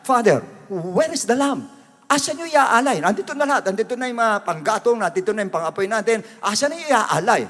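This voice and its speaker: A man voicing a trusting, obedient young son inside his sermon, in a high voice. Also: lively intonation, a little fast, fairly bright tone. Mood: questioning, trusting. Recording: long reverb of a church hall.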